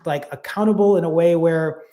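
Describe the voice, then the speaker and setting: A man's voice: a little high, brisk, mellow. A man, casually hosting a live stream, reading viewer comments and thanking people by name, a little out of breath. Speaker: fasting channel host.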